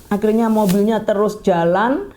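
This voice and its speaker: A woman in church ministry telling her own testimony in a lively way, acting out her own cries and prayers. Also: medium pitch, normal speed, slight background noise.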